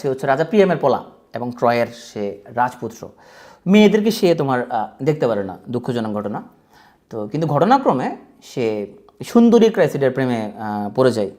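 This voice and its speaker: Male tutor, Bangladeshi Bengali accent, casual exam-prep lecture, joking, colloquial, very animated pitch. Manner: chatty, joking, colloquial, addresses students directly.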